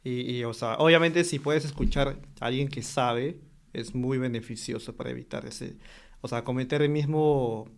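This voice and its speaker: A man's voice: mid-range voice, normal speed, vocal fry. Guy hosting, mid voice, agrees a lot, lots of o sea and eh. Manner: agreeable, hesitant, many "o sea" fillers. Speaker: interview host. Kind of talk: conversational interview.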